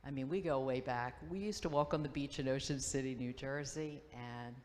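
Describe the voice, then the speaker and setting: Low-voiced woman in a reverberant hall. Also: darkish tone, slight background noise. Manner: halting, reminiscing, acts out quoted voices. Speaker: memorial speaker, old friend. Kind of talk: memorial tribute, storytelling. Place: school auditorium. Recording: long hall reverb, faint ambience.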